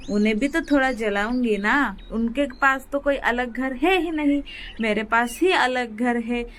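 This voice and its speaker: A woman's voice: a little high, a bit bright, a little hiss or hum. A woman voicing a young, headstrong girl sparrow in a cartoon story, lightly pleading.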